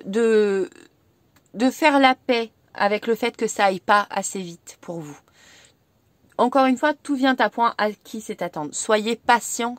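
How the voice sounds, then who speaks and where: Tarot reader, a French woman, gentle and reassuring, medium voice, dry recording. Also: mid-range voice, dry recording. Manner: gentle, reassuring, repeats herself. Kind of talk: tarot reading video.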